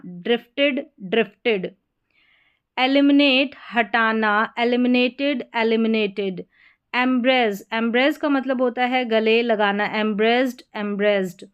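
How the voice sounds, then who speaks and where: A woman recites English verb forms in an even, drilled cadence. Her voice sits slightly high and sounds smooth and clear. The delivery is patient and methodical. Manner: reads verb lists in steady drilled rhythm. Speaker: English teacher. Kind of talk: vocabulary lesson recitation.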